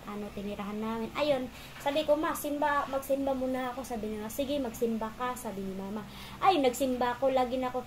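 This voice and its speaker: A young woman casually telling her personal story in a halting way, repeating words and filling pauses. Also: on the high side, slight background noise, low-quality recording. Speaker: interviewee.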